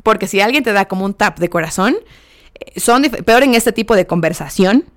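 A woman's voice: mid-range voice, expressive, a little fast. A young woman chats through a casual vlog review of a reality show. She keeps checking in with "¿ok?", calls her viewers friends, and drops English words into her sentences. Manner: chatty, keeps asking viewers "¿ok?"; sprinkles English words into speech.

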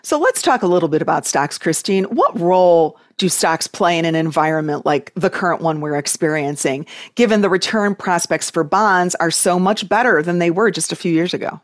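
A woman's voice: on the low side, expressive, normal speed, few pauses, dry recording, studio quality. A woman hosting an interview, putting prepared questions and remarks to her guest. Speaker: interviewer, host.

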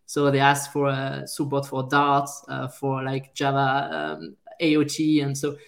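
A man from France with a French accent, a software engineer guest talking casually in an interview, often pausing with fillers and restarting his sentences. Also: medium pitch, monotone, creaky. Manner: hesitant, many fillers and restarts.

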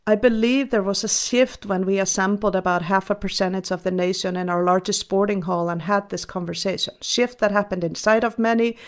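As a guest from Iceland, this woman reflects on interview questions in an even, medium-pitched voice. Her tone is sincere and deliberate, with "um" pauses and the odd restart.

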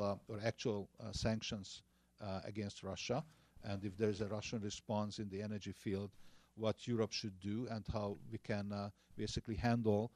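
A man's voice: on the low side, darkish tone, no echo. A man from Hungary with a Hungarian accent, giving hesitant panel remarks full of filler sounds and restarts. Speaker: panelist, former energy minister.

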